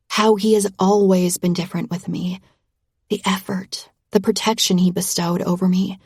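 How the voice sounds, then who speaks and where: Casting: woman narrator, slow breathy whisper, close and dry, whispered audiobook narration. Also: medium pitch, mellow, dry recording.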